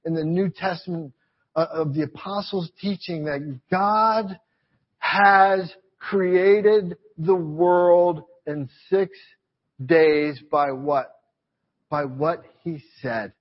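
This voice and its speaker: A man with a somewhat high, husky voice preaches to his congregation, repeating phrases and asking rhetorical questions. The church recording sounds a little dull and lo-fi. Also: steady tone, takes it slowly. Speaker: pastor. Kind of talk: sermon.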